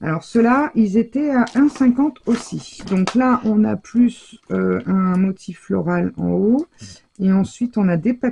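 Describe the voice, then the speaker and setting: Husky, low-voiced woman chatting through a craft haul. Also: mellow. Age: middle-aged. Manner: chatty, hesitant, full of fillers and self-corrections. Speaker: crafting vlogger showing a shopping haul. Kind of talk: casual haul presentation.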